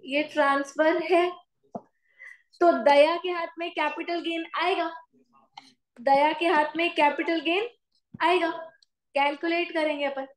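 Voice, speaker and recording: A woman commerce teacher giving a classroom lecture with an Indian accent, slowly dictating notes and asking her students questions. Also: very high-pitched, steady tone, roomy sound, low-quality recording. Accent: Indian English mixed with Hindi.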